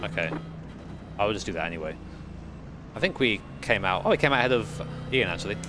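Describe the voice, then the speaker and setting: A man's voice: lowish voice, expressive, fast talker, music in the background. A man chatting casually on a livestream headset mic while sim racing indoors, rambling and swearing now and then. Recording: loud car engine noise behind.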